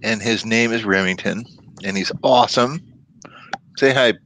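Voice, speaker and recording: Low-voiced man hosting a casual chat. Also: normal speed, fairly bright tone, slight background noise. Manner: joking, loose and profane. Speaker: host.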